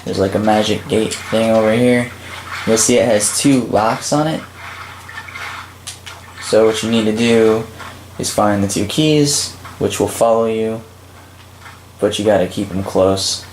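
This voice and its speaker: A man's voice: on the low side, a little slow, long pauses. A man casually narrating a gameplay walkthrough of a level he built, rambling with frequent fillers. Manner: relaxed, rambling, many "um"s and "like"s. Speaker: game creator and channel host. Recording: roomy with faint background noise.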